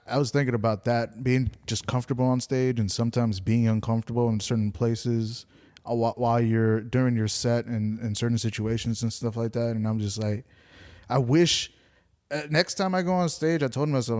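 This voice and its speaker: A man's voice: medium pitch, moderate pace, darkish tone. Chill guy hosting a podcast, medium voice, easygoing and thoughtful. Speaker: podcast host. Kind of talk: casual chat.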